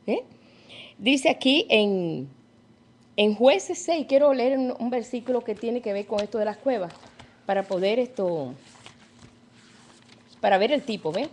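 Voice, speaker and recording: A woman's voice: a little high, lively intonation, unhurried, pauses often. A woman teaching a Bible study sermon, retelling stories and asking her listeners questions.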